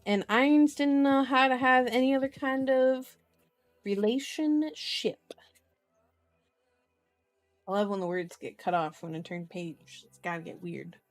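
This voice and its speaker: With soft music in the background, a woman hosting an ASMR channel reads aloud from a book at normal speed in a fairly high voice. Chatty and playful, she keeps mixing the narration with offhand asides that stray from the story.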